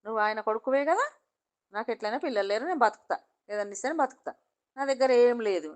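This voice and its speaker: A woman's voice: on the high side, animated, fast talker, natural voice. A woman voicing a pleading, insistent old village woman with a Telangana accent, who keeps repeating her demand. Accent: Telangana Telugu.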